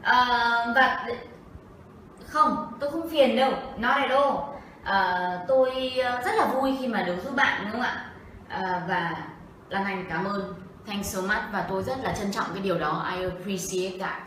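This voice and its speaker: A woman's voice: medium pitch, a little slow, a bit bright, far from the mic, a little hiss or hum. A woman with a Vietnamese accent co-hosting a livestream English lesson, explaining phrases and asking the audience questions. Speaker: co-host and interpreter. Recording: echoey room, off-mic.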